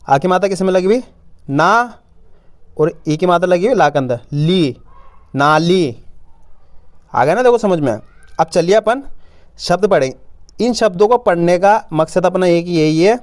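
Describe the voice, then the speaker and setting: A man's voice: a little high, a little mellow, no room sound. Patient man teaching reading aloud. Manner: patient, repeats each word as a question and answer; says "apan" for "we", informal spoken Hindi. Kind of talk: step-by-step reading lesson.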